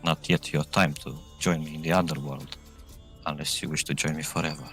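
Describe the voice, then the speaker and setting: A man voicing a stern, commanding goddess of the underworld in a solemn, deliberate tabletop game performance. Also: a bass voice, steady tone, fairly bright tone, soft background music. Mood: cold, disappointed.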